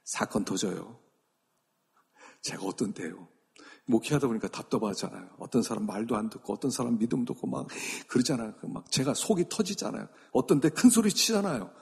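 A middle-aged man preaching a sermon as pastor, with a raspy voice, swinging from loud emphasis to hushed whispers. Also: mid-range voice, expressive, a little fast. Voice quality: raspy and gravelly. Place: church sanctuary. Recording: long reverb of a large hall.

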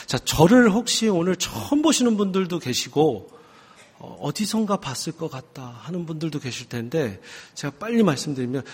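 Husky-voiced man preaching in an echoing hall. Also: on the high side. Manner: lively, teasing the congregation with call-and-response. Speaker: pastor. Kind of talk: sermon. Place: church sanctuary. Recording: long hall reverb.

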